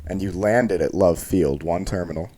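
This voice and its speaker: Deep-voiced male co-host; teasing, dry wisecracks, animated about sports. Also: normal speed. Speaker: podcast co-host. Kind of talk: casual chat. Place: recorded face to face in Texas.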